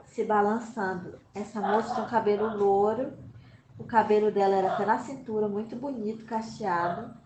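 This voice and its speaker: A woman telling a true story from her own childhood in an animated, dramatic way, acting out her own past reactions. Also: mid-range voice. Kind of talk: animated first-person storytelling. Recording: roomy with faint background noise.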